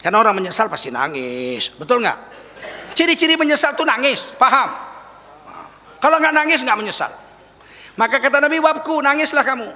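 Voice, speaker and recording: A male preacher giving an animated sermon to an audience, acting out weeping prayers and joking with listeners. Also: very high voice, fairly quick, pauses often. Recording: long reverb of a hall.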